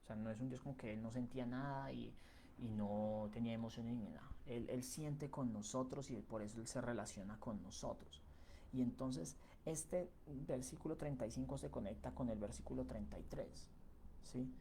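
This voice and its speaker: A man preaches a Bible reflection in a relaxed, conversational manner, full of fillers and checking questions. His voice is mellow and dark. A faint background noise sits under the recording. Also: mid-range voice, moderate pace, gravelly.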